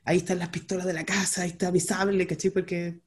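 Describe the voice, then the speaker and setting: Chatty Chilean woman, warm mellow voice. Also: on the low side, flat delivery, quick pace. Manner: chatty, rambling, heavy slang and fillers. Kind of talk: casual personal storytelling.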